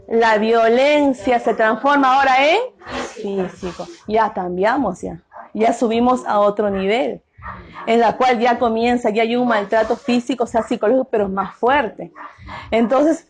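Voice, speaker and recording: A middle-aged woman with a high voice gives an interactive workshop talk on domestic violence to a group. She keeps putting questions to the audience and answering them herself, tagging her points with quick questions.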